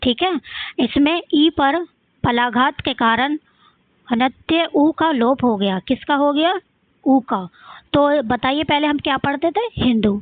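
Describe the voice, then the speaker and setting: Slow-paced and high, this woman's voice carries a Rajasthani accent as she runs an exam-prep lesson. She poses questions, answers them herself, and goes over key points again. There's no echo; the recording is dry and sounds like a phone.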